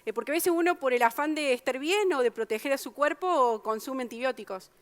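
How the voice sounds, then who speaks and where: A woman with an Argentine Spanish accent explains science patiently to a public audience, frequently using fillers and restarting or correcting herself. She speaks a little fast in a smooth, resonant, fairly high voice, recorded dry and close.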